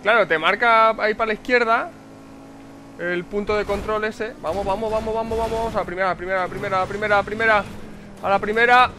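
Faint game audio runs beneath this fast-talking Spanish-accented man as he narrates his own car race. Excitable and fairly high-voiced, he swears freely and fires off repeated bursts of words.

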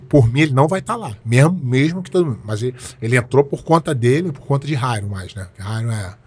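A man's voice: medium pitch, lively intonation, fast, darkish tone, slightly rough. A Brazilian man in his forties, a jiu-jitsu coach telling stories in a casual interview, emphatic and repeating his points with slangy speech. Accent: Brazilian Portuguese.

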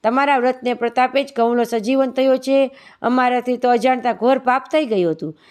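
A woman's voice: fairly high pitch, a little fast, darkish tone, clear, resonant tone, close to an everyday voice. A woman reading as an older widowed village mother-in-law. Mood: devout.

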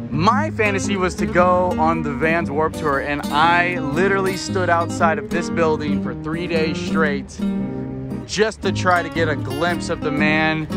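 A man in his thirties telling a story on a walking tour vlog, excited and rambling with fillers, filmed outdoors beside warehouses on a camera held at arm's length. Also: on the high side. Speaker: vlogger. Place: outdoors on a street by industrial warehouses. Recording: loud music under the voice.

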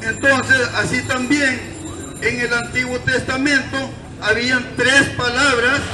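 A Salvadoran man with a high-pitched voice preaches from a distance, explaining scripture in an open-air sermon built from short, deliberate, declamatory phrases. He is in a gazebo on a public town square, recorded by a far camera. Traffic and crowd noise leave the audio echoey and noisy.

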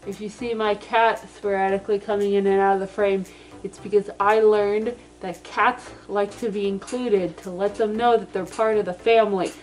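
A woman's voice: medium pitch, steady tone, soft background music. A woman vlogging casually from her home kitchen while baking, her voice muffled through a costume head, chatty and narrating each step. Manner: chatty, self-narrating, unhurried.

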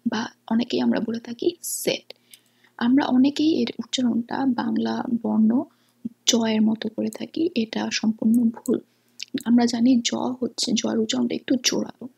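A woman with a higher voice, very husky and edged with fry, teaches a pronunciation lesson. She explains at length, often pausing with fillers and dropping into a breathy half-whisper. She sits some distance from the microphone. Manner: hesitant, many fillers, often soft and breathy. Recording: distant mic.

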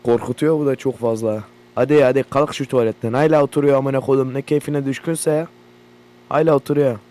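A young gaming YouTuber from Turkey talks a little fast in a steady, mid-range tone while playing a horror game. He swears, jumps and gets loud, with the game's generator humming underneath.

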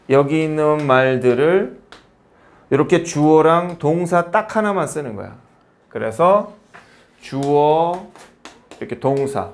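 A man teaching basic English grammar in a casual lesson, explaining patiently in short phrases and asking and answering his own questions. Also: on the high side.

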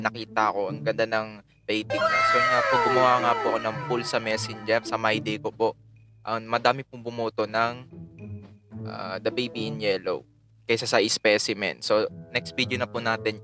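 A young Filipino man playing a horror game, chatting nervously and laughing, with his voice jumping high when startled. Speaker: gaming streamer. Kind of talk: Let's Play commentary.

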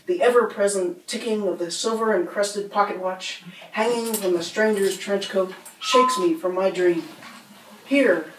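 The speaker is a middle-aged poet from the US, performing spoken word in a bookstore reading room with rhythmic, rhyming lines and quick laughs between poems. Her pitch is in the middle range. The standing mic was filmed from a distance, leaving the sound roomy with a faint hum behind her.

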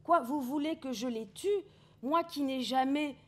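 An old man, the last of his kind, weary and weeping over all that is lost, as a woman reads his lines aloud. The reading stays close to an ordinary speaking voice, with no character voice put on, only a little higher and fuller than her usual talk. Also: a little slow. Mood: grieving, weary.

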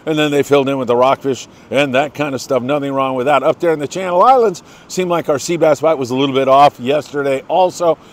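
He talks fast, with hardly any pauses, in a medium-pitched voice: an older American man hosting a casual fishing report show. Enthusiastic, chatty and folksy, he congratulates folks by name.

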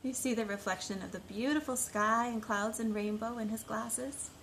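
A woman in her thirties, a children's storytime reader and teacher, reads and talks to young children in simple, expressive phrasing. Her pitch is fairly high and her pace moderate. She's recorded indoors in her living room on a phone held about arm's length away, and the homemade recording is noisy.

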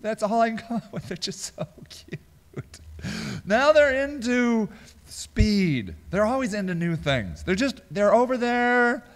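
A man's voice: sits high, animated, a little slow, long reverb tail. A man giving casual comedic commentary as a show host, sarcastic and incredulous, often breaking into giggles. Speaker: host of a small business video show.

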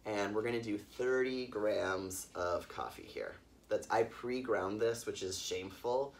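An easygoing man talks through his coffee routine in a relaxed, chatty way. He sounds set back from the mic, with faint background hiss. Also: lowish voice, measured pace, gravelly, recorded from a distance. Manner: easygoing, laughs often, wordy explaining. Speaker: vlog host making coffee. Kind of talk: casual chatty demonstration. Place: yurt in the mountains.

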